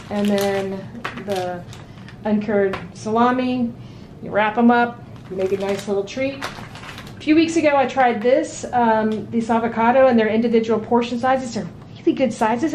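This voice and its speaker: A woman's voice: mid-range voice, slight background noise. Chatty woman showing off a grocery haul. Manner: relaxed, chatty, many ums and restarts. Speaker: vlogger. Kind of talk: casual grocery haul chat. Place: home dining room at a table.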